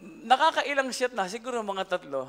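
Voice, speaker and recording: A Filipino-accented pastor preaches at a church service, telling stories, laughing often and switching between Tagalog and English. His voice is very high and sing-song, pushed and bright, at a normal speed.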